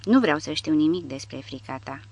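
A man reading the part of an irritable imprisoned officer who talks in a gruff, snapping way. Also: a little high, lively intonation, darkish tone. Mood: irritated. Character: irritable male prisoner officer, curt.

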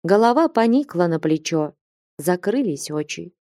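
A woman narrates a classic novel in a measured, even manner. Her voice sits low and sounds mellow. The recording is close and dry. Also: no room sound. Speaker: audiobook narrator.

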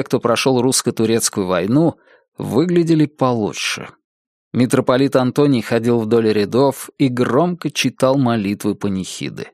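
A man reading a first-person novel aloud as an audiobook narrator, in a measured storytelling manner. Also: medium pitch, no room sound, studio quality.

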